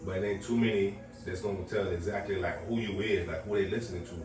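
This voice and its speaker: A man's voice: low voice, steady tone, fast talker. A man from the American South hosting a podcast, asking loose, slangy questions. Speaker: podcast host. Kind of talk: casual interview chat. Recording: very echoey, distant mic, music behind.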